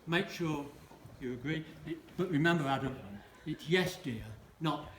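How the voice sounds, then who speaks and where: A man's voice: fairly high pitch, normal speed. A man in his seventies gives a wedding speech, his slightly raised voice carrying a dry, self-mocking humour. His teasing asides ring through a roomy reception hall with faint background noise. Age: 70s. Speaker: wedding guest giving a speech.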